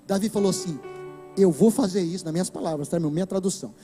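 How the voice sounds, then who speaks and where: A man with a Brazilian Portuguese accent preaching a sermon to a church, impassioned and breaking into shouts. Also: sits high, rapid-fire, soft background music. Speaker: pastor. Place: church hall.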